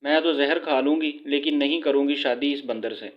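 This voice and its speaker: A man voicing a stubborn, angry young woman who refuses an arranged marriage, in a sharp, scornful way. His own somewhat high voice carries her lines. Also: highs cut off, natural voice.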